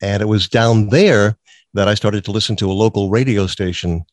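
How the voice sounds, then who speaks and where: A man's voice: lowish voice, moderate pace, no room sound. A man who grew up in Massachusetts, a guest on an interview show, telling stories in a chatty way and often laughing. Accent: neutral American, no strong regional accent. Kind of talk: casual interview chat.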